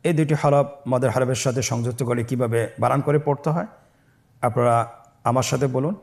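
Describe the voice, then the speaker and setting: A man teaching Quran reading, spelling syllables slowly and asking listeners to repeat after him, voicing each joined word louder. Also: medium pitch, gravelly. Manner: slow, syllable-by-syllable call-and-repeat drilling. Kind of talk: step-by-step recitation lesson.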